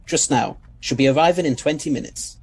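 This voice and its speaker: A man's voice: on the high side, brisk, darkish tone, breathy edge. A man playing the Doctor, a courteous and assured eccentric alien scientist with old-fashioned phrasing, in an audio drama. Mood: matter-of-fact.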